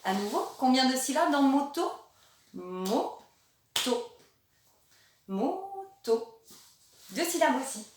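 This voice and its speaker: A woman's voice: high voice, animated, a little hiss or hum. Echoey, distant woman teaching children. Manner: gentle, encouraging, slow and clearly articulated. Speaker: primary school teacher. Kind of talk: remote lesson for young children. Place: classroom or room with a board.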